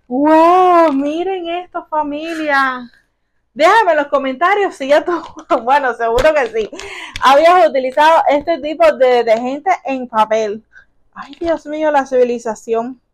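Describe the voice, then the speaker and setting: High-voiced gushing Cuban woman vlogger. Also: a little slow. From Cuba. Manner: exclamatory, gushing, keeps addressing viewers as family. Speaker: vlogger, mother. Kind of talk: casual unboxing vlog.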